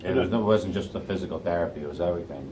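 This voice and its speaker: A man's voice: low voice, racing, mellow, poor audio. A man, a Marine veteran, talking in a plain-spoken, determined way in an interview. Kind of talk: casual interview talk. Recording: clear background noise.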